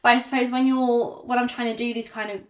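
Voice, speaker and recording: A woman's voice: fairly high pitch, flat delivery. Hesitant woman talking to camera. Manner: hesitant, many ums and pauses; candid, self-conscious. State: slightly out of breath. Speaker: YouTuber. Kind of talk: unscripted talk to camera.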